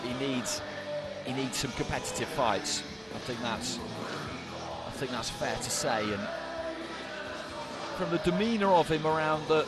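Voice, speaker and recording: A man giving live boxing commentary in a measured, conversational way. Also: medium pitch. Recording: loud venue noise behind commentary.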